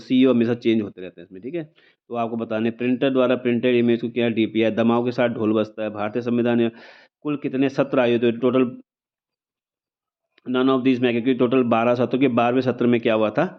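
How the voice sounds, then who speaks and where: Casting: male coaching teacher, casual exam review, muffled sound. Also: mid-range voice. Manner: conversational, repeats "ठीक है ना" as a filler. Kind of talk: informal exam paper review. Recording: dull lo-fi recording.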